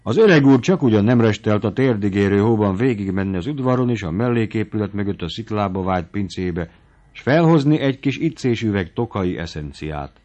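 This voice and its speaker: A man reading a story aloud with a measured narrating voice. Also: on the low side, animated, darkish tone. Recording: dull lo-fi recording.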